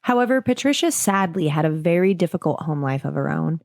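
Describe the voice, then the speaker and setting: Brief: a lowish-voiced woman podcast host, casual true-crime storytelling, close dry mic. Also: animated, brisk, creaky, a little mellow, no echo. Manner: casual, jokey asides between scripted reading.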